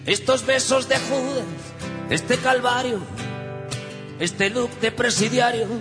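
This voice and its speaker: A man's voice: extremely high pitch, steady tone, takes it slowly. A man singing a song. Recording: long reverb with guitar music.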